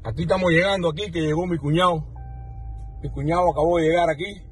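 A man's voice: fairly high pitch, fairly even intonation, quick pace, over music. A man, filming on his phone and welcoming relatives, tearful, overjoyed and repeating himself. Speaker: relative welcoming arriving rafters. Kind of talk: emotional phone video commentary. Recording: outdoor phone audio with crowd noise.

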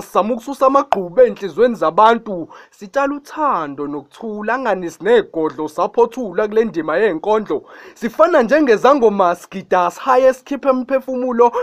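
A man in his twenties reciting spoken-word praise poetry in an impassioned, declamatory, chanting way. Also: high voice. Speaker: poet guest on radio. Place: small radio studio. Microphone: studio condenser mic with foam cover, close.

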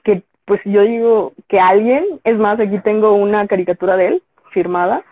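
Being interviewed about her work as a graphic designer, a Mexican Spanish-accented woman casually recounts a story and acts out each quoted exchange with animation. Her voice is mid-range at a normal pace, captured with a tinny, phone-like sound that's dry, without echo.

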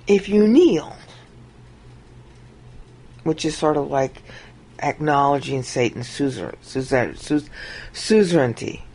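In an informal Bible lesson narrated over a screen recording, a woman performs quoted lines with sharp jumps in pitch. Her voice is husky and dark in tone.

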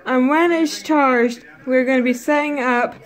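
A woman, talking casually to the camera in a vlog, excitable and gushing. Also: high-pitched, unhurried. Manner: excitable, gushing, with gasps and laughter. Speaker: vlogger.

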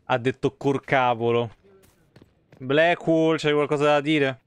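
Clean and dry, the recording captures a man in his thirties with a Roman Italian accent giving live, casual gameplay commentary in a small indoor room. He speaks slowly with a medium, steady pitch, swearing, using slang, and muttering asides as a game streamer.

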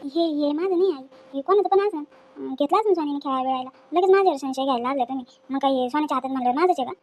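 A woman's voice: high voice, rapid-fire, muffled recording. A young woman playing a defensive, pleading daughter-in-law in a home drama.

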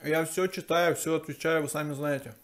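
A man's voice: on the high side, steady tone, a little fast. A middle-aged man chatting casually to his viewers while chewing his food at home. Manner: homely, chatty, addresses viewers directly. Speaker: mukbang vlogger. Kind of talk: casual chat to subscribers while eating. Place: indoors at home, eating at a table.

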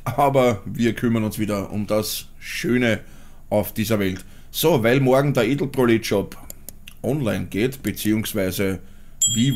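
An Austrian musician and vlogger in his forties, with a Viennese accent and a medium-pitched, darkish voice, talks from a small home studio before launching into a spoken-word rap. He's blunt and crude and laughs at his own jokes.

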